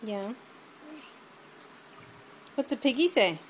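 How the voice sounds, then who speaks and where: A woman's voice: fairly high pitch, sing-song, takes it slowly, slight background noise. A woman filming her toddler at home, coaxing the child in a sing-song voice to show off new words. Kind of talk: casual home video.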